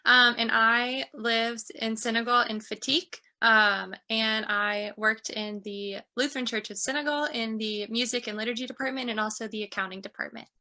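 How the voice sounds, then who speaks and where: A woman introducing herself quickly and matter-of-factly in an online presentation. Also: a little high, steady tone, sharp tone.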